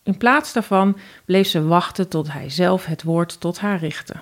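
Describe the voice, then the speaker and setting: A woman with a Dutch accent narrating a fairy tale in a calm, even storytelling voice. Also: lowish voice, a little slow.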